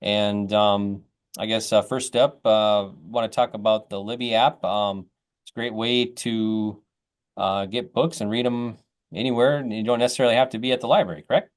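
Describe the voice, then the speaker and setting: A man's voice: lowish voice, steady tone, normal speed. A man hosting a casual community interview program, with an informal, folksy way of talking. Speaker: host of a local chat program.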